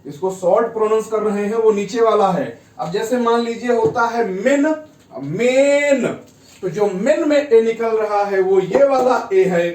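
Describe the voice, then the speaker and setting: This shorthand lesson is led by a man whose high voice has a darkish tone, recorded off-mic in a room full of echo. His explanations proceed one step at a time, with frequent, repetitive checks on the class.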